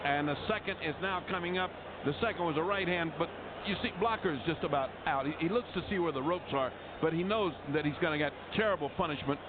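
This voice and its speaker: A man's voice: fairly high pitch, quick pace. A man giving live boxing commentary and analysis, emphatic and opinionated, repeating phrases for effect. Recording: phone-like broadcast, loud arena noise.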